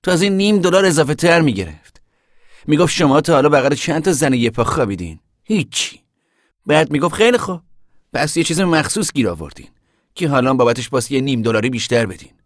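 A man's voice: on the high side, big pitch swings, no echo, clean studio sound. A male narrator voicing a blunt, impatient young man who talks in a scolding, brusque way.

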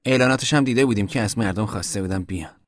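Earnest polite young newcomer, voiced by a male reader, storybook figure, slightly raised pitch, dry close recording. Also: dry recording, close to an everyday voice. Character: young newly arrived migrant man, polite and eager.

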